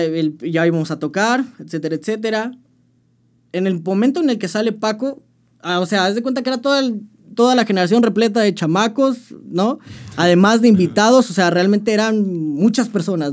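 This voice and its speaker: A man's voice: sits high, brisk. A young man with a Mexican accent, chatting casually in an interview and telling his story with slang and frequent restarts. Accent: Mexican Spanish. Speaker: musician guest.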